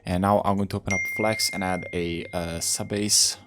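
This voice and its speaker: A man's voice: low-pitched, little pitch movement, normal speed. A young man, a music producer, casually talking through a tutorial in laid-back slang with many "uh" fillers. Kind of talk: casual screen-recorded tutorial. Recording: faint music underneath. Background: music playing in the session.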